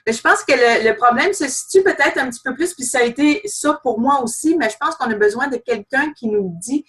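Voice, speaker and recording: A woman's voice: high voice, lively intonation, fairly quick, a bit bright. A woman hosting a team call, asking long, winding questions in a friendly, encouraging way. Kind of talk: casual chat, asking questions.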